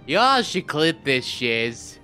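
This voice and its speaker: A man's voice: a little high, big pitch swings, slow, pushed and bright. A very drunk man streaming a game, chatting casually in a slurred, emotional, whiny and weepy way. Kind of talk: casual livestream chat over gameplay. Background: game audio and music.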